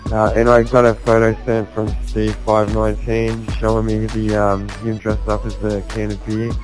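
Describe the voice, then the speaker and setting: Low, flat-voiced caller voicemail. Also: male voice, moderate pace, soft background music, poor audio. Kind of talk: voicemail message.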